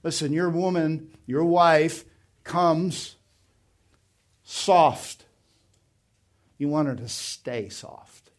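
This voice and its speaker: A man's voice: on the high side, takes it slowly. A middle-aged man preaching a sermon as pastor, with an emphatic, varied delivery.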